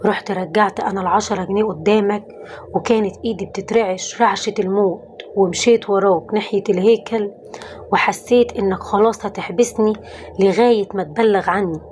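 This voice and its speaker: A woman's voice: medium pitch, fairly even intonation, a little fast, a little mellow, a little hiss or hum, lightly acted. A woman voicing a repentant middle-aged former thief who confesses in an Egyptian accent, in a pleading tone. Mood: remorseful. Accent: Egyptian Arabic.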